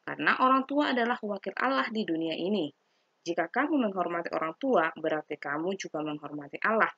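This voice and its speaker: A woman's voice: on the low side, animated, a little fast, a bit bright, breathy edge, dry recording. A woman religion teacher giving a recorded lesson to children, patient and repetitive, often checking in with them. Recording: dry, dull lo-fi sound.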